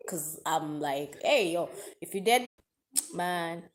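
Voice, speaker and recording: Woman on a live stream, kinda low voice, talking open and emotional to her viewers. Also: expressive, slow pace, noisy background. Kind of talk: casual confessional live chat.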